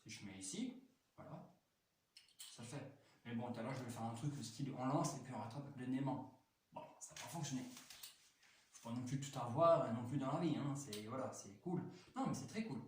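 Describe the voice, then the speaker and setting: A man's voice: mid-range voice, brisk. A talkative man rambles through a toy review, full of hesitations and restarts. His voice bounces around a very echoey room, picked up from a distance with a faint hiss underneath. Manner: chatty, full of fillers and restarts, enthusiastic.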